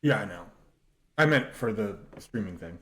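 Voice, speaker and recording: A man acting as game master, chatting casually and halting with fillers before the session. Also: on the low side, expressive, fairly bright tone, roomy sound. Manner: halting, with many fillers and restarts.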